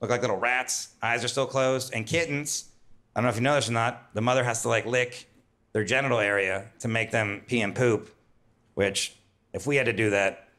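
Male stand-up comic, bright forward tone, wry conversational set on a club stage. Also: medium pitch, steady tone, normal speed. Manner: wry, conversational, jumps to loud put-on whines. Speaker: stand-up comedian. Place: comedy club stage with audience laughter.

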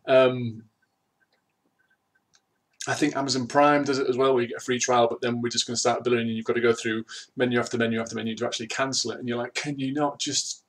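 A man in middle age rants on his vlog about a pet peeve, sarcastic and exasperated. His voice has a husky, slightly rough edge at a middling pitch, and he slips into little mock voices for the people he imitates. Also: flat delivery, quick pace. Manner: exasperated, sarcastic, acts out both sides in quoted voices. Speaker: vlog host. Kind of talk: ranting monologue.

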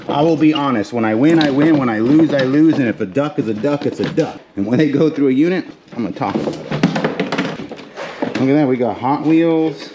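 A storage auction reseller with a medium-pitched voice narrates his dig through a storage unit, sorting boxes inside a metal container while talking to his camera. He's chatty, jokes around, and thinks aloud, though the recording is muffled and the background noisy.

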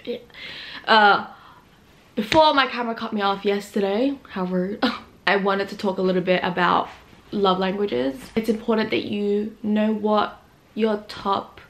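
This young woman chats straight into a nearby camera from her bedroom, easygoing and talkative. She leans on fillers like "like" and "literally" and laughs between thoughts. The voice sits at an ordinary pitch for a woman. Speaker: vlogger. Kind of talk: casual chat to camera. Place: small bedroom indoors. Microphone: camera in front of her face.

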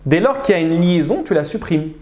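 A man's voice: fairly high pitch, a little fast, roomy sound. A man teaching an Arabic grammar class online, explaining patiently and checking in with his students often. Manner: animated, checks understanding with frequent "d'accord?".

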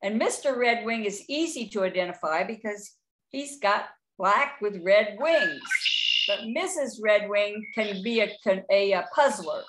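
A woman's voice: medium pitch, unhurried, fairly bright tone. A middle-aged woman, giving a chatty, informal talk on identifying birds, with frequent restarts. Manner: chatty, with frequent restarts and playful bird imitations. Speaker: birding presenter.

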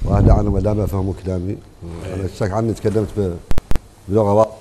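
Fast-talking Mauritanian man, insistent. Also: on the low side, little pitch movement, noisy background. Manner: fast, insistent, interjects "hnini" to hold the floor. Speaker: panel guest. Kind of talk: panel debate on television.

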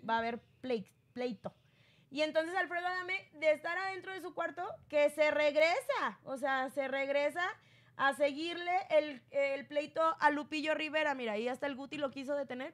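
A woman's voice: steady tone, normal speed, a bit bright. A woman hosting a casual gossip commentary, chatty and acting out quotes. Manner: chatty, acts out quotes with raised pitch. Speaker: gossip show host.

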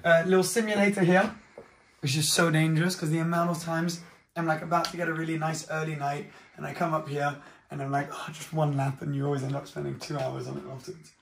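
On a home-tour vlog, a twentysomething man with a highish voice and vocal fry talks fast and loosely, filling gaps with fillers while strolling through a modern house room by room. There's slight background noise, echo from the rooms, and the mic is a bit far off.

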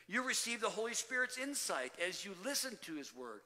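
Preaching in a high, sing-song, bright and forceful voice, a man leads his congregation as pastor, repeatedly calling them loved ones. The sermon surges and dips with pauses, carried by the echo of the church sanctuary.

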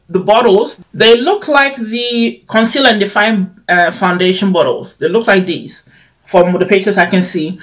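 A young woman with a lisp, as if wearing a retainer, talking casually and a little hesitantly as a beauty vlogger. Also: medium pitch. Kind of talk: casual chat, product review. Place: bedroom, indoors.

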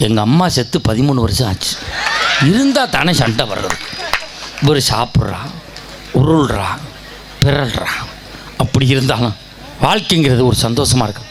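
A man with a Kongu Tamil accent telling jokes as a comic debate speaker on stage before a live audience, loud and shouting at times. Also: medium pitch, sing-song, normal speed, long pauses, background noise. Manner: storytelling with punchlines, turns loud and shouting at times.

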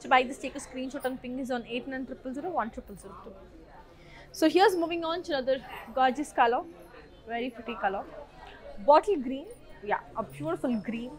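A woman's voice: high-pitched, a little mellow, low-quality recording. A young woman with a South Indian accent presenting sales items in a showroom, enthusiastic and gushing. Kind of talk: live sales presentation, switching between languages. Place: saree showroom, indoors.

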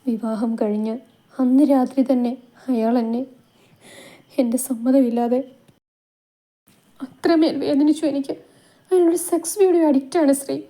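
A woman's voice: high voice, moderate pace, warm tone, voice pushed up, close to an everyday voice. A woman voicing a frightened young wife who is tearful and broken, with a trembling, pleading delivery in a storybook reading.

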